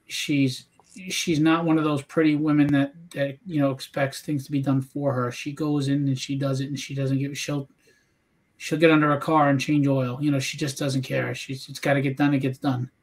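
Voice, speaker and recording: A man's voice: medium pitch, little pitch movement, normal speed, low-quality recording. A man hosting a live stream, chatting casually in a rambling, joking, candid way. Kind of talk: casual chat.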